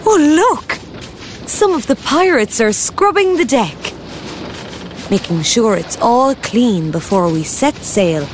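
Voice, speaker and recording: A woman's voice: fairly high pitch, sing-song, slow, slight background noise. A woman presenting an interactive story for young children, encouraging and speaking straight to the child.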